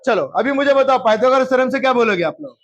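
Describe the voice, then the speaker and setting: Speaking fast in a very high pitch, this male math teacher leads a geometry lesson, though the recording is muffled. He keeps repeating questions and asking if anyone has doubts, slipping English terms into Hindi.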